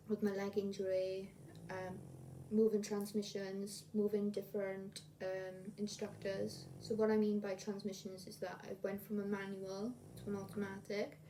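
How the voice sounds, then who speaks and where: A woman's voice: mid-range voice, mellow. A woman, chatting casually to camera in a rambling, repetitive way as a video blogger. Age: 20s. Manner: rambling, repeats herself. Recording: distant mic, clear room noise.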